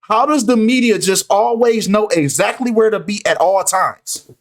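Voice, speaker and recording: Delivering casual video commentary, a high-voiced man presses his points with animated insistence at a moderate pace. He keeps circling back to "right?" and "come on, man."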